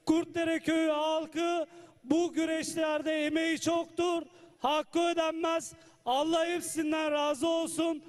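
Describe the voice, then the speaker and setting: A man from Turkey giving a public thank-you speech at a village wrestling festival in a formal, deliberate manner. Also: very high-pitched, flat delivery.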